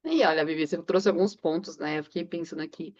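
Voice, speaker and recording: A woman's voice: low voice, fast, a little mellow, dull audio. A woman in a casual book club discussion, rambling through anecdotes with frequent filler tags. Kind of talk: casual chat.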